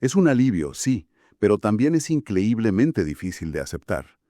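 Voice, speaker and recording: A man from Spain co-hosting a Bible study podcast, explaining in a measured way. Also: lowish voice, big pitch swings, dark tone, no room sound, studio quality. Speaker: podcast co-host.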